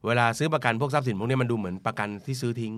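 Fast-talking blunt Thai money coach. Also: male voice, mid-range voice, fairly bright tone. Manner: blunt, folksy, jokes and acts out quotes. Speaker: money coach, guest on podcast. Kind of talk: casual podcast conversation.

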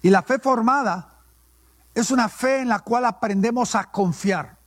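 A man's voice: very high voice, a little slow, no room sound, studio quality. A male pastor, preaching a sermon and asking questions that he answers himself. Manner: call-and-response preaching, asks and answers his own questions.

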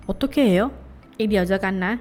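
A woman teaching a language lesson. She reads each phrase slowly, syllable by syllable, then says it at normal speed, and cheers her learners on. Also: mid-range voice, darkish tone. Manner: encouraging, cheerful, spells words out syllable by syllable.

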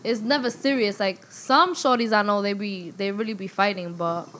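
A woman's voice: medium pitch, steady tone, fairly bright tone, a little hiss or hum. A woman co-hosting a casual podcast, chatty and slangy. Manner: chatty, slangy, quick to laugh. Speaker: podcast co-host. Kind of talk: casual chat.

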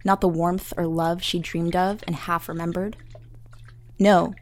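A woman narrating an audio drama in a measured storytelling manner. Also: lowish voice, level tone.

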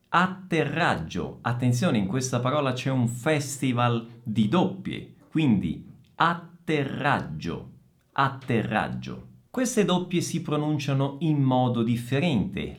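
A man teaching a pronunciation lesson, speaking slowly and pronouncing every word with deliberate care. His pitch rises and falls in a lively way, so the drills sound animated rather than flat. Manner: slow, deliberate word drills, repeating each word twice. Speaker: Italian teacher.

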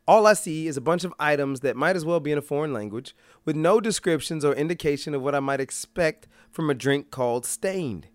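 An American man hosting a vlog, hoarse from being sick, giving a comedic rant in a sarcastic, exasperated manner. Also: on the high side, brisk, few pauses, dry recording. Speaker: vlog host.

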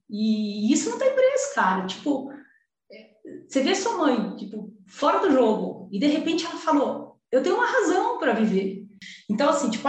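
High-voiced Brazilian woman in echoey room. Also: a little mellow, distant mic. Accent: Brazilian Portuguese. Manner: emotional, chatty, peppered with slang fillers. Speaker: entrepreneur guest. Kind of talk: casual storytelling.

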